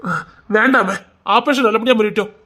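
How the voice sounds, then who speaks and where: A man playing a calm, reassuring doctor. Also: sits high, a little fast. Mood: puzzled. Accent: Tirunelveli Tamil. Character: reassuring male hospital doctor.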